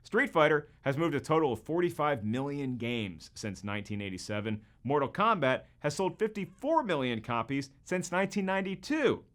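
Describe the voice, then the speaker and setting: This American host in his forties has a fairly high, slightly bright voice. His scripted comedic narration comes across as emphatic, wry and jokey.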